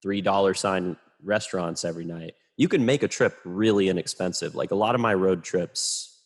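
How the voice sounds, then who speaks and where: A man, a photographer, talking casually and rambling in a relaxed, self-deprecating way as a podcast guest. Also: deep voice, moderate pace.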